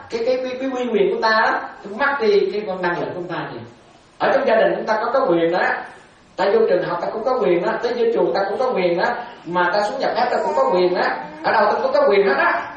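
A woman, a Buddhist monastic teacher giving a dharma talk to lay followers. She questions her listeners often, repeats key phrases and laughs lightly. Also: on the high side. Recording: very echoey and distant, dull sound.

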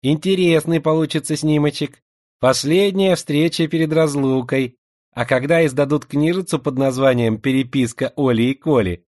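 A man's voice: a little high, moderate pace, a little mellow, dry recording, clean studio sound, voice pushed up, close to an everyday voice. A man voicing a lisping older schoolboy who talks in sugary diminutives and needles the others. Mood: gleeful. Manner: needling, mocking.

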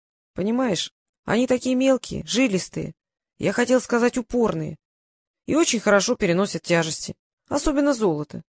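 A woman's voice: a little high, animated, moderate pace, dry recording. A bashful young dragon-turned-man from a fantasy storybook, read by a woman. He talks in an easy, casual way, sheepish one moment and a little boastful the next. The voice is dry and close. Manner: embarrassed, casual. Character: young male dragon in human form, shy and boastful.

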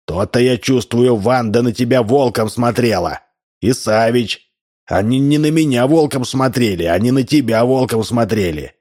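A man's voice: mid-range voice, moderate pace, a little mellow, lightly acted. A man reading a story aloud voices a stubborn, puzzled ordinary man who argues bluntly and insists on answers. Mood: insistent.

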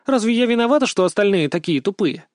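A man voicing a lively, cheeky teenage granddaughter in an audiobook, with a bold, teasing way of talking. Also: high voice, fast, dry recording, studio quality, pitched above the performer's own voice. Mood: sulky. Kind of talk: audiobook character voice.

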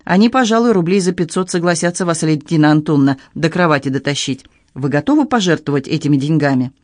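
A man's voice: on the high side, animated, quick pace, no room sound, studio quality, lightly acted. A man reading an audiobook, voicing a blunt, sarcastic young woman with a mocking, cutting manner. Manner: mocking, cutting, coldly matter-of-fact.

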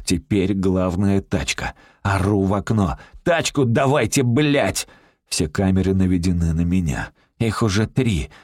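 Low-voiced man narrating a brash story. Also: darkish tone, dry recording, studio quality. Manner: brash, crude street talk, rapid storytelling. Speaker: audiobook narrator. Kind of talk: first-person audiobook narration.

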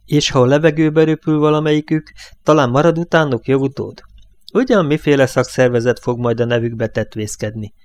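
Man reading as a gruff, sneering oil boss. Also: medium pitch, darkish tone, dry recording, lightly acted. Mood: scornful. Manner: blunt, sneering, rough-spoken. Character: gruff, scornful Irish male oil company boss. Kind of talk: audiobook character voice.

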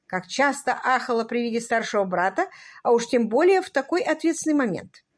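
A woman narrating a comic novel as an audiobook in a lively, playful manner, voicing the characters. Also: a little high, fairly quick. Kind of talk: scripted narration with voiced characters.

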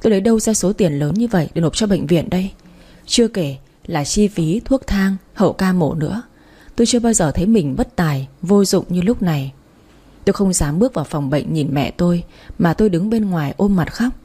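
A woman narrating a first-person story in a steady, earnest way, reading as an audiobook narrator. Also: lowish voice, brisk, husky.

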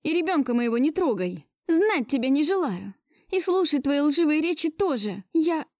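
A woman voicing a distraught young woman who confronts her lover in shrill, near hysterical outbursts. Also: animated, brisk, darkish tone, no room sound, studio quality. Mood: furious.

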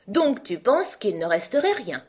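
A woman's voice: medium pitch, very animated, a little slow, a little mellow, breathy edge, pitched above the performer's own voice. A woman reading an audiobook, voicing a bossy, stern queen who lectures in curt, scolding questions.

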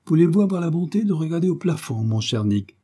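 A man's voice: on the high side, sing-song, fast, mellow, husky, pitched above the performer's own voice. A man reading a storybook voicing a sneering villainous gang leader who taunts with false politeness. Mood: taunting. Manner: mocking, hypocritically polite.

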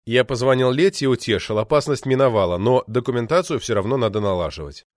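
Lively, ironic male audiobook narrator. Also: mid-range voice, quick pace, dry recording, clean studio sound.

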